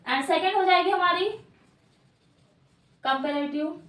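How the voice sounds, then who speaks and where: A woman's voice: extremely high pitch, slow, a bit bright. A woman teaching a grammar lesson, asking questions and answering them herself and repeating key words. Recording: echoey room, mic at a distance.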